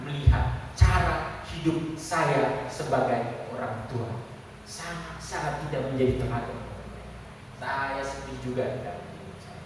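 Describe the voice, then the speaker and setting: High-voiced male preacher in echoey hall. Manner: candid, storytelling, addresses the congregation directly. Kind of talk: conversational testimony sermon. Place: church service hall. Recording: echoey hall from far off, faint hiss.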